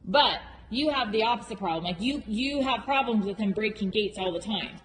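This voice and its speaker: A woman's voice: medium pitch, animated, moderate pace. Frank woman instructor explaining, echoing hall. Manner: frank, emphatic, repeats key points. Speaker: horse riding instructor. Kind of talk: informal explanatory lesson feedback. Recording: reverberant hall with clear background noise.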